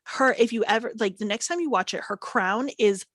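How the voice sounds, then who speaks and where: A woman hosting a casual film podcast, leading the talk in an upbeat, deliberate way. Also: fairly high pitch, a bit bright, no echo, studio quality. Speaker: podcast host. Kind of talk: casual chat.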